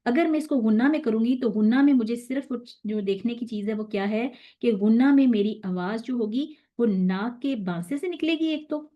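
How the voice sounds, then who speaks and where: A woman teaching Quran recitation rules in a patient, explaining manner, slowly stretching out the recited verses and often checking that listeners follow. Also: on the high side, lo-fi sound. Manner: checks in with "theek hai?". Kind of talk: online tajweed lesson.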